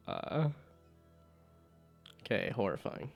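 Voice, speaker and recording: A man's voice: on the low side, sing-song, slow pace, gravelly, faint music behind. A man streaming a game, chatting casually, laughing often and reading the game's text aloud.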